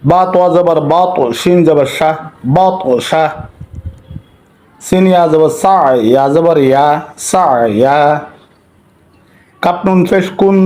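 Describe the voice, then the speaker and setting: A man teaching Quran reading, slowly spelling out and repeating syllables for learners to practice. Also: on the high side, dark tone, low-quality recording. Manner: slow, drilling syllables with repetition. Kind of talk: slow recitation lesson.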